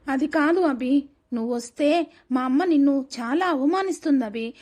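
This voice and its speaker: A woman's voice: sits high, lively intonation, a little fast, a little mellow. A woman voicing a headstrong young woman, the daughter of a wealthy family, talking earnestly and pleading in a storybook drama.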